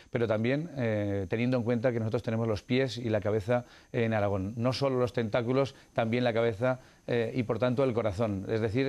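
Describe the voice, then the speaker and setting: A man's voice: mid-range voice, darkish tone. A middle-aged man who is a political candidate, giving formal, argumentative interview answers with frequent hesitant fillers.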